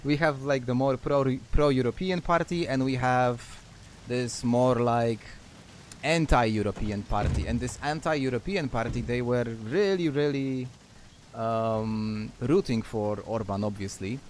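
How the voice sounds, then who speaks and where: A man's voice: mid-range voice, measured pace, slight background noise. A man from Poland chatting casually with viewers while streaming a game, laughing often and trailing off mid-thought. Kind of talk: casual chat while gaming.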